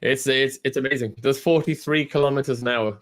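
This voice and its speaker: A man from England chatting casually on a video call, his pitch sitting in a middle range. He stumbles and restarts often, laughs easily and keeps his stories loose and friendly. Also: fairly even intonation, fast talker, fairly bright tone. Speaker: podcast host. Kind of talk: casual chat. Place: at home in China.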